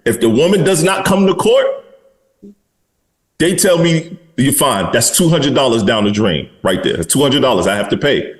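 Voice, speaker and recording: A man's voice: medium pitch, lively intonation, normal speed. A man in his forties hosting a podcast, talking bluntly and candidly with some swearing in casual chat. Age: 40s. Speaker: podcast host.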